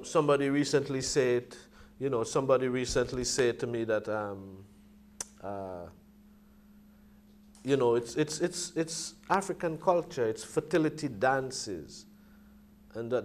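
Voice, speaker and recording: A man in a casual, reflective discussion, speaking haltingly and searching for his words. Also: medium pitch.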